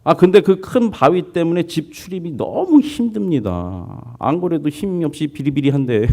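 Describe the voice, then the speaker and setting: Preaching at normal speed, a pastor with a slightly high voice and vocal fry narrates a story energetically. He acts out its people in different voices and questions the congregation along the way.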